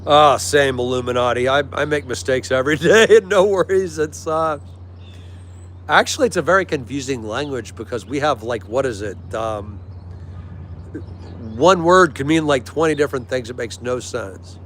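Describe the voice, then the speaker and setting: On a clear recording with vehicle-like sounds behind him, a US-born man with an American accent hosts a livestream. He talks casually and agreeably with viewers, friendly throughout. His medium-pitched voice has a fairly bright tone and a moderate pace.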